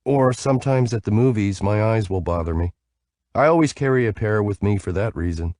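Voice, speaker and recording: A man's voice: fairly low pitch, animated, a little fast, darkish tone, dry recording, studio quality, pitched above the performer's own voice, natural voice. A man reading an audiobook, voicing a sleepy, bubbly young woman who rambles playfully on the phone.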